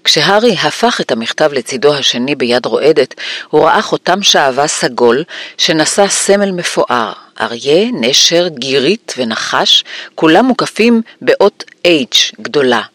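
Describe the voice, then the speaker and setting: Male audiobook narrator, slightly high voice, measured storytelling, dry close studio sound. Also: big pitch swings, fairly bright tone, no echo.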